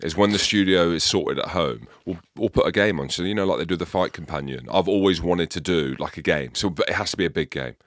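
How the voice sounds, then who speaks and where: A middle-aged man with an English accent, hosting a casual podcast chat and leading the questions in an animated, chatty way. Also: sits low, fast talker, few pauses, no echo. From England. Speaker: podcast host.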